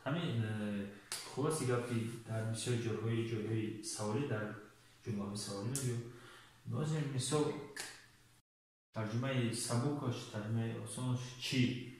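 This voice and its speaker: A man teaching English vocabulary, speaking slowly and repeating each example word. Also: medium pitch, a little mellow. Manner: slow, repeats words and spells out English examples. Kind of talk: classroom-style language lesson. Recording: echoey room, far from mic, faint hiss.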